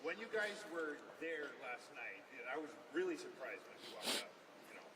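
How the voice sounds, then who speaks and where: Distant admiring reporter in a noisy room. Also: male voice, fairly high pitch, very animated, moderate pace. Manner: chatty, admiring, loosely worded. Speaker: reporter asking a question. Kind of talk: press conference question.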